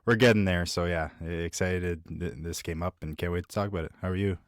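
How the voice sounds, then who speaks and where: A co-host with a very deep voice who talks in a halting, casual way. The sound is dry and close, with no room to it. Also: male voice, steady tone, dry recording. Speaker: podcast co-host. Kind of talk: casual chat.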